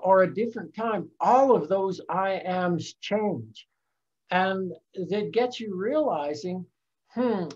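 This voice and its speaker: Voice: mid-range voice, a little mellow, highs cut off. A presenter giving a reflective spoken talk in a lecture series, thoughtful and musing, reading quotations aloud.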